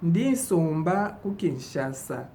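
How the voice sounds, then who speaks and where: A woman from DR Congo teaching a bilingual vocabulary lesson, saying each phrase slowly and deliberately and repeating it. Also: lowish voice, very animated, warm tone, slight background noise. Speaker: language teacher.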